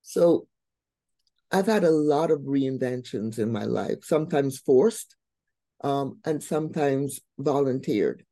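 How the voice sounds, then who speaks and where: An older woman from Barbados, a guest on a radio interview, telling her story in a lively, humorous way. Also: very deep voice, slow pace, no room sound. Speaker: guest, brain and behavior coach.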